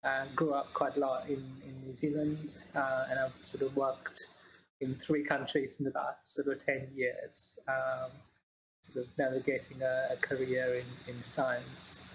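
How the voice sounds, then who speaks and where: A woman from Sri Lanka, a scientist guest in an interview, speaking in a measured way with many fillers and restarts. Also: a bass voice, monotone, highs cut off, a little hiss or hum. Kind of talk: interview answers.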